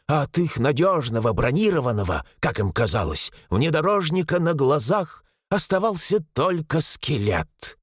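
A man narrating a story in an expressive, suspenseful audiobook style. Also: on the high side, slightly rough, no room sound, studio quality.

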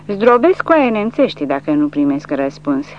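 A woman's voice: sits low, sing-song. A woman reading an audiobook, voicing a brutal, sneering male Russian officer in a raised, menacing voice. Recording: dull lo-fi recording with faint hum.

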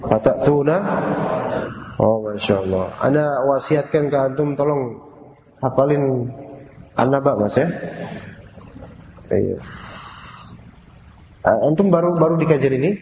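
Teacher, male, casual and teasing, calls on students with quick questions; dull lo-fi recording with steady room noise. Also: medium pitch. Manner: teasing, quizzing students directly; mixes Arabic phrases into casual talk. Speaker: Quran teacher. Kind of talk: informal Quran study class. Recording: echoey hall, dull lo-fi, audible room noise.

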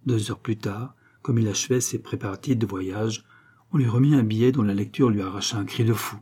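A man narrating a classic novel as an audiobook, in a measured literary reading. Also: on the low side, mellow, husky.

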